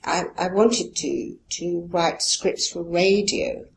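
Answering an interviewer's questions, this Iranian poet, raised speaking Farsi, muses hesitantly, laughs lightly, and fills her speech with "you know." She talks slowly at a fairly low pitch with vocal fry, on a low-quality recording with some hiss or hum.

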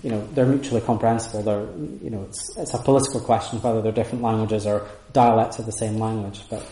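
The recording is low-quality and roomy: a man lectures on Sanskrit texts before an audience, answering questions in a thoughtful way that's full of restarts and hedging fillers. His voice is fairly low and warm, with fairly even intonation and a fast pace.

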